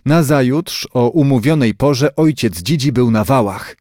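A man narrating a children's story chapter as an audiobook, in an expressive, lively way. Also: medium pitch, measured pace, no room sound, studio quality.

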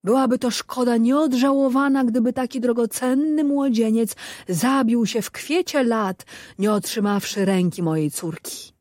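Woman playing a slow, pompous sultan. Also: on the high side, darkish tone, dry recording, voice pushed up, lightly acted. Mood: generous. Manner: slow, drawn-out, stately. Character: pompous fifty-year-old sultan, slow and grand.

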